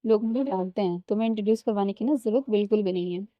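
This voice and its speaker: A woman's voice: medium pitch, very fast, no echo, natural voice. A woman storyteller voicing a cheerful young woman singer who jokes with mock boasting. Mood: joking. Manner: jokingly boastful. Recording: slightly dull lo-fi recording.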